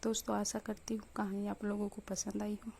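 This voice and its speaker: A woman storyteller reading an emotional story aloud in an earnest, steady way. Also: mid-range voice, a little fast, creaky, slight background noise. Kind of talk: scripted story narration.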